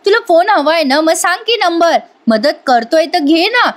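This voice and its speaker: A woman's voice: very high-pitched, animated, unhurried, voice pushed up. A woman voicing an irritable young husband who snaps impatiently at his wife, in a TV-serial recap. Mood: irritated. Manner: snapping, impatient. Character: irritable young husband, curt and short-tempered.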